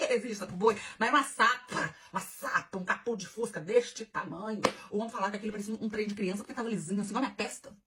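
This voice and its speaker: A woman, telling a bawdy personal story in an animated, giggly, confiding way. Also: mid-range voice, rapid-fire, few pauses, slight background noise. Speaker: vlogger.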